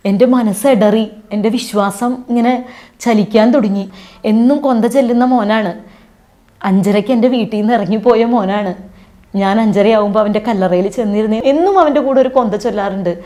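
Mellow, earnest middle-aged woman. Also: a little high. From Kerala, India. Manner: emotional, earnest storytelling. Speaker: bereaved mother giving testimony. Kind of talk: personal faith testimony.

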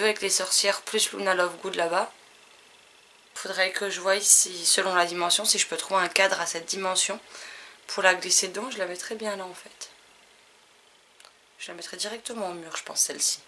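Chatty, bright-voiced French woman. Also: fairly low pitch, a little hiss or hum. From France. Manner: chatty, enthusiastic, often trails off with fillers. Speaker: YouTuber unboxing an advent calendar. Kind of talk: casual unboxing vlog.

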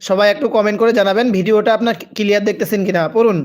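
A man with a high voice, fairly even intonation and a darkish tone teaches Quran reading live at a rapid-fire pace. He spells out letters and vowels, draws out each word, and urges listeners to read aloud with him in call-and-repeat style.

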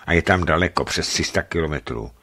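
A man calmly and expressively reading a travel book aloud for radio. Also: very deep voice, a little hiss or hum. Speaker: narrator. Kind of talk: scripted radio book narration.

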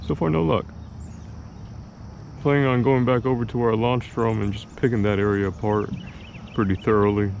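A young fishing vlogger keeps up casual commentary from a kayak on a lake, chatty and self-deprecating, talking both to himself and to the fish. His medium-pitched voice is steady and a little mellow, with vocal fry, a moderate pace, and long pauses. The audio is dull, with water and outdoor ambience behind him.

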